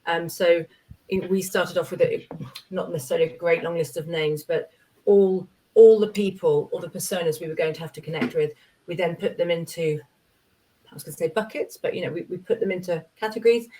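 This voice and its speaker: A woman's voice: lowish voice, fairly quick, warm tone, a little hiss or hum, poor audio. A woman speaking on a webinar panel, emphatic and repeating her key phrases. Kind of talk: conversational webinar discussion.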